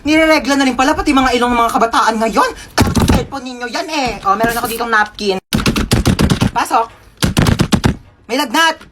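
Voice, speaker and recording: Woman, sassy comic skit voice, highish pitch, noisy home video. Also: moderate pace, long pauses. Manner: sassy, exaggerated, playing many roles. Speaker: comedy skit creator. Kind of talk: comedic skit role-play.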